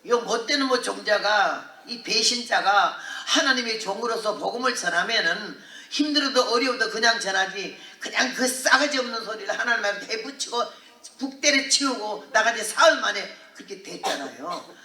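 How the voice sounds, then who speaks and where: An older woman missionary preacher telling a testimony in a revival sermon, earthy and animated with laughter. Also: medium pitch, moderate pace. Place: large hall at a prayer retreat. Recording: echoey hall, voice from far off.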